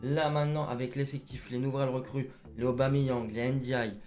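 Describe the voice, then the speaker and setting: A young man co-hosting a casual football chat, talking fast and directly to viewers. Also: medium pitch, little pitch movement, a little mellow, faint music behind. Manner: chatty, addresses viewers as "les gars". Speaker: football channel co-host.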